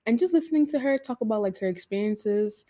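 A woman's voice: fairly high pitch, lively intonation, fast talker, dark tone. A woman in her early twenties co-hosting a podcast, chatting casually and laughing often. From United States. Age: 20s. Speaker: podcast co-host. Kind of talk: casual chat.

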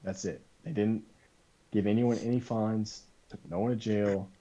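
A man as a podcast guest, telling a story casually, animated and full of "like" and quoted back-and-forth. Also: fairly low pitch, normal speed, dull audio.

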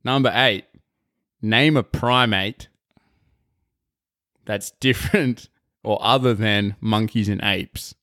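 A man's voice: fairly low pitch, steady tone, slow pace, pauses often, a bit bright, no room sound. A young man co-hosting a casual podcast, easygoing and joking with dry quips. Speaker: podcast co-host. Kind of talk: casual chat.

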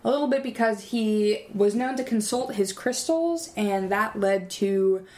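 Deadpan woman telling an absurd tale. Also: mid-range voice, measured pace. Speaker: podcast co-host. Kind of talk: improvised comedy storytelling.

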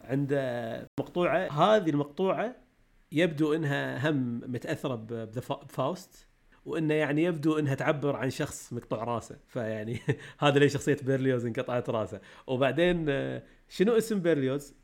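A man's voice: medium pitch, vocal fry. A man, co-hosting a podcast in casual chat, talking eagerly and laughing easily. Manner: rapid, enthusiastic, laughs easily. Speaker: podcast co-host.

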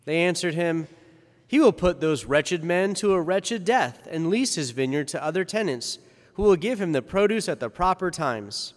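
A man's voice: a little high, lively intonation, moderate pace. A male priest reads the gospel and then preaches a casual, conversational homily with asides, heard in a long cathedral-like echo. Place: large church. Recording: long reverb of a big church.

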